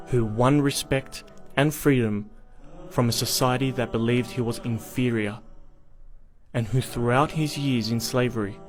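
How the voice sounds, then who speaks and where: A man giving scripted documentary narration in a measured, even storytelling delivery. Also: mid-range voice. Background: background music.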